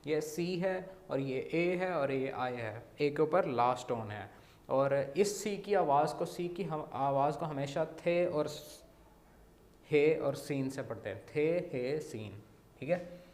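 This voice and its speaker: A man with a Pakistani Urdu accent teaching Mandarin, slowly repeating sounds and often checking with "theek hai". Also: on the high side, lively intonation, darkish tone, reverberant. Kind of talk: language lesson explaining words.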